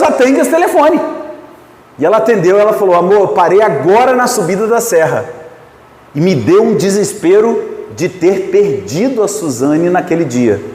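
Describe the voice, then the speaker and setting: A Brazilian pastor preaches to married couples in a lively storytelling sermon, his fairly high voice swinging widely in pitch. He keeps putting questions to his listeners. His voice rings out in an echoey church hall. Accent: Brazilian Portuguese.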